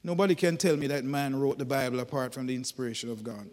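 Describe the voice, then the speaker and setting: A man preaching a sermon, telling folksy stories in an animated, emphatic way. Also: mid-range voice, quick pace, long reverb tail.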